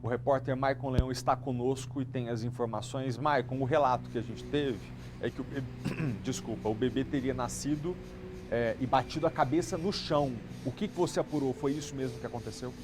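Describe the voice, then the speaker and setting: A man presents live television news in an easy, conversational manner, stumbling and correcting himself now and then. His voice sits at a middle pitch. A faint rumble runs underneath. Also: fairly quick. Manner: conversational, with slips and self-corrections. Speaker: news anchor.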